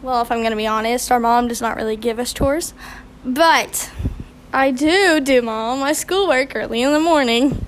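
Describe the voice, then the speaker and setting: A woman's voice: on the high side, moderate pace, a little hiss or hum. A teenage girl hosting her own podcast, chatty and dramatic as she interviews family. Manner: chatty, dramatic, laughs easily. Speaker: podcast host.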